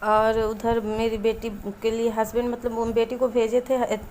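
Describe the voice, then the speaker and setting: A woman's voice: on the high side, monotone, a little mellow, a little hiss or hum. Chatty woman vlogging at home. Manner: chatty, often pauses to search for a word. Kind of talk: casual vlog narration. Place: home in an Indian village.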